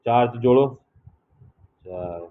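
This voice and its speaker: Patient schoolteacher on a tinny line. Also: male voice, mid-range voice, slow. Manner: patient, coaxing, asks many check questions. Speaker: primary school teacher. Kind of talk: classroom math lesson with young children. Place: school classroom. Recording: tinny phone-like classroom recording with faint noise.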